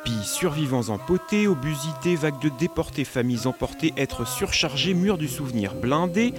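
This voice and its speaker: A man's voice: on the high side, lively intonation, normal speed, music in the background. A man reciting rhythmic spoken-word poetry in clipped, short bursts of wordplay.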